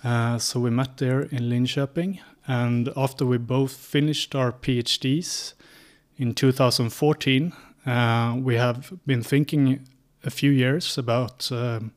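Swedish man in his thirties, native Swedish speaker, interview guest, methodical delivery, frequent filler pauses, mid-pitched voice. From Sweden. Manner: steady, methodical telling with many "uh" pauses. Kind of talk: casual interview answers.

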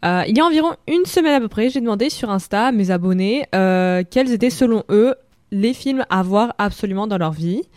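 Talking a little fast in a medium-pitched, expressive voice with a darkish tone, an eighteen-year-old woman banters through her radio film segment, listing films with light jokes. Her studio mic gives a dry recording.

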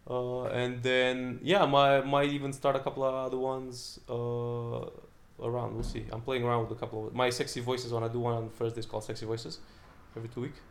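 A man's voice: mid-range voice, level tone, brisk, slight background noise. A young British man, a stand-up comedian, chatting casually in a rambling way with lots of fillers and restarts. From Britain. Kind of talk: casual chat.

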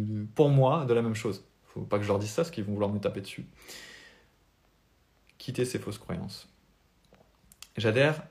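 A man's voice: on the low side, darkish tone. A young French man with a French accent, a spiritual life coach giving an earnest, motivational talk on a live stream without notes.

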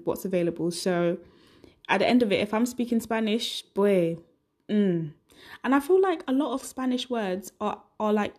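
A woman's voice: mid-range voice, darkish tone. A young adult woman hosting a solo podcast, chatting casually and rambling, often laughing at herself. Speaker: podcast host.

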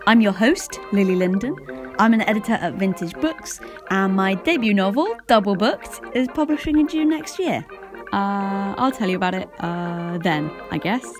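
Woman, podcast host, upbeat, emphatic, mid-pitched. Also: moderate pace, music in the background. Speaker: podcast host and book editor. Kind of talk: scripted intro, then casual interview.

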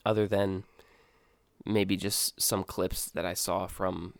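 A young man co-hosts a casual podcast, rambling through his thoughts and restarting sentences as he goes. His voice sits a bit low and has a gravelly, creaky texture. The sound is dry, with hardly any room around it. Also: level tone, slow pace, dry recording. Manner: loose and chatty, calls his co-host dude, often restarts his sentences. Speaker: podcast co-host. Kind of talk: casual chat.

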